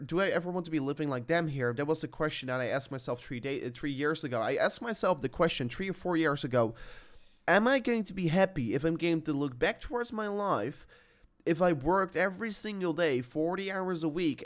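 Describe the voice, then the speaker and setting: A crypto YouTuber in his twenties, with a voice on the high side, delivers a rambling, motivational vlog monologue. He leans on fillers like "I mean" and "like," repeats phrases, and frequently corrects himself.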